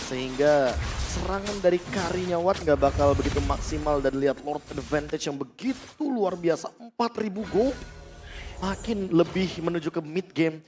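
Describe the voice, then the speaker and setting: A man's voice: a little high, expressive, moderate pace. A man with an Indonesian accent working as an esports caster, giving emphatic, explanatory analysis of the match. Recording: music behind the voice.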